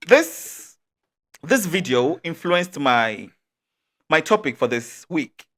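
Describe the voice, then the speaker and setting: A man's voice: a little high, sing-song, slow, fairly bright tone. A man with a Nigerian accent hosting a casual chat, emphatic and often laughing as he makes his points. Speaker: podcast host.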